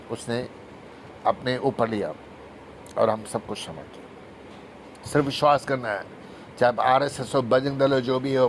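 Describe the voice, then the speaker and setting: Fast-talking man preaching. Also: medium pitch, a little hiss or hum. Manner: fast-talking, emphatic, breaks into sung hymn. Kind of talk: Hindi testimony sermon.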